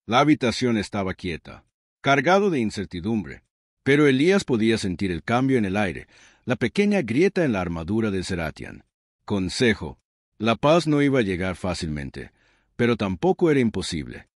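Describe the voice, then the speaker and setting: Low-voiced man narrating a sci-fi story. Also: big pitch swings, moderate pace, no room sound, clean studio sound.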